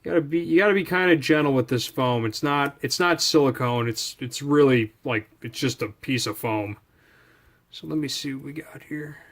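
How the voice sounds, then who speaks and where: In a mid-range voice at normal speed, a product review host talks through an informal unboxing without a script. He rambles and thinks aloud as he handles things.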